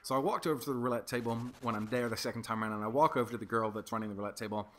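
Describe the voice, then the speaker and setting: A man's voice: medium pitch, fairly even intonation, racing, fairly bright tone. A young man casually telling a long story over gameplay, chatty and swearing freely, with lots of fillers. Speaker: gaming commentator.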